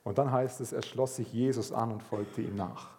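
A man preaching a sermon, telling stories in a lively way and acting out the voices of people in them. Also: medium pitch, normal speed, breathy edge. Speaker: pastor.

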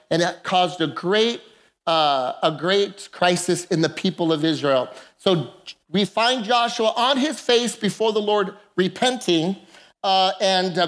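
A woman pastor preaching a sermon into a pulpit microphone in a church, emphatic and calling for the congregation's responses. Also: a little high. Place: church sanctuary.

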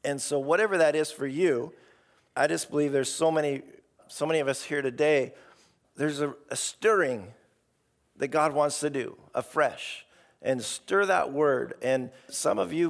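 A male preacher delivers a conversational, exhorting sermon. His voice is gravelly and hoarse, full of creak, as if starting to give out, and sits slightly high for a man. He speaks informally and with emphasis. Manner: informal, emphatic, acts out imagined replies.

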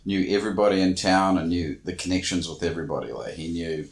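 A man's voice: sits low, steady tone, fast, reverberant. A man from small-town New Zealand, co-hosting a podcast in easygoing, chatty conversation. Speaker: podcast co-host. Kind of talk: casual chat.

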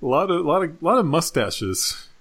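A man's voice: on the high side, very animated, normal speed, a bit bright. A man co-hosting a casual movie review podcast, playful and laughing often. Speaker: podcast co-host.

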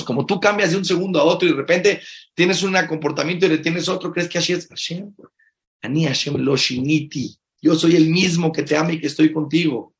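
A rabbi teaching Torah in a sermon, mixing Hebrew phrases into his Spanish, emphatic and shifting from soft, intimate asides to loud exclamations. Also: on the high side, vocal fry.

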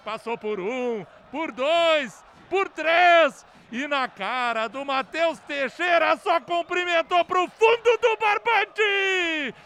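Explosive high-pitched goal commentator, shouting man. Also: slow pace, hardly any pauses. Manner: excitable, stretches out key words. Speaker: football play-by-play commentator.

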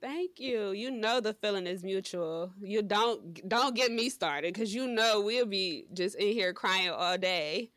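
A woman in her thirties from Cleveland talks as a podcast guest. She speaks slowly and easily and often laughs. Her voice sounds dry and close. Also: mid-range voice, fairly bright tone, dry recording. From Cleveland, Ohio. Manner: slow, laid-back and laughing. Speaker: guest, entrepreneur and mom. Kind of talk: casual podcast interview.

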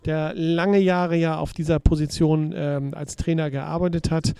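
A man hosts a relaxed interview in a notably high voice. He sounds eager and friendly, often stalling with filler sounds before his questions. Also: unhurried, creaky, smooth, no room sound. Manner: enthusiastic, hesitant with many fillers. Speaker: podcast host, interviewer. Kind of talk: casual interview.

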